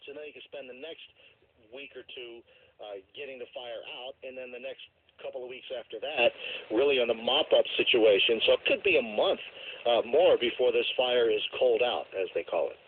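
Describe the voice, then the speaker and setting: A man's voice: mid-range voice, normal speed. A man giving a live, unscripted radio report as a correspondent, explaining step by step and rephrasing as he goes. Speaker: news correspondent. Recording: tinny phone line, faint noise.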